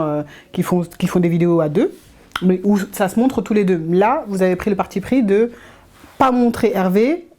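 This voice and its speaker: A woman's voice: lowish voice, warm tone. A woman hosting an interview, asking long, winding questions. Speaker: interviewer, host.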